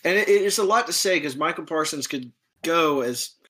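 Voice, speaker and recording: A man's voice: on the high side, animated, normal speed, bright, forceful tone. A man co-hosting a casual sports talk show, talking loosely with many fillers and restarts. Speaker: podcast co-host.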